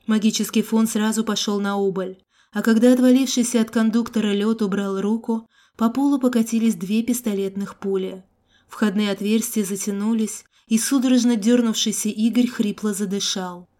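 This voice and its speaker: Woman, audiobook narrator, first-person action fantasy, steady and expressive, mellow timbre. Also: medium pitch, normal speed.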